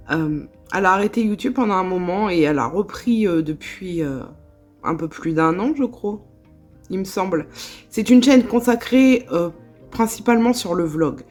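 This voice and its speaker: A woman's voice: lowish voice, darkish tone. A woman with a Northern French accent, chatting casually in a vlog, with lots of fillers and small laughs. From northern France. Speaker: vlogger.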